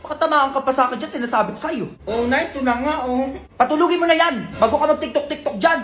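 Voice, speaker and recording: A woman's voice: high-pitched, fast talker, fairly bright tone. A woman acting out a comedic family sketch, switching between a nagging mother and her child, over background music in an echoey room. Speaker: comedy skit creator. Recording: roomy echo with background music.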